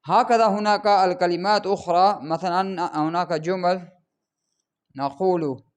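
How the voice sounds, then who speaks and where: A man's voice: high voice, steady tone, moderate pace, clear, resonant tone. A man teaching Arabic grammar, explaining patiently and repeating each example word several times while speaking straight to the viewers.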